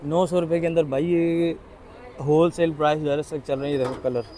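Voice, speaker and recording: A man's voice: on the high side, fairly even intonation, brisk, warm tone. A man, chatting enthusiastically as he tours an outdoor city bazaar with a handheld phone camera and asks shopkeepers for prices. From Pakistan. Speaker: vlogger touring a market. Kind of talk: casual walking market tour vlog.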